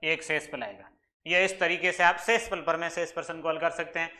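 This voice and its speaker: A man's voice: on the high side, steady tone, a little fast, pushed and bright. A male maths teacher explaining exam questions step by step, asking questions and answering them himself. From Rajasthan, India. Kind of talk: exam-prep maths lesson.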